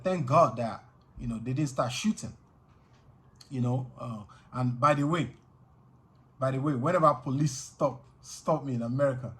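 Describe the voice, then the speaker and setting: This middle-aged Nigerian man's voice is mid-range and fairly bright, with a Nigerian accent. Vlogging to camera, he earnestly recounts a personal story, peppered with "you know", and becomes intense as he relives moments of danger.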